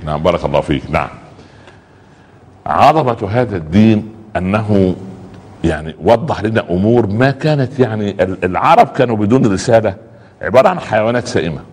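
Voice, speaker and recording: Male preacher, Egyptian Arabic accent, rapid, chatty sermon delivery with pious interjections, long reverb around the voice. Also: lowish voice, lively intonation, darkish tone, slightly rough. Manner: conversational, repeats pious exclamations, acts out little dialogues. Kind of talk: colloquial religious talk.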